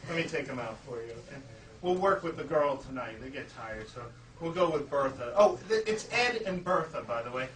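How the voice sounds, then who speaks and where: A man's voice: mid-range voice, expressive, a little fast, fairly bright tone. A man performing live stage comedy as a playful, grandiose flea circus showman, pattering to an audience with puns and mock announcements. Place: live indoor show before an audience. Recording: noisy, echoey room, distant mic.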